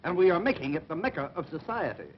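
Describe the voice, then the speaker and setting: An actor playing a brash, boastful comic schemer in the grandiose manner of an early talkie film comedy. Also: male voice, fairly high pitch, sing-song, quick pace. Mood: grandiose bluffing. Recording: dull, noisy 1930 film soundtrack.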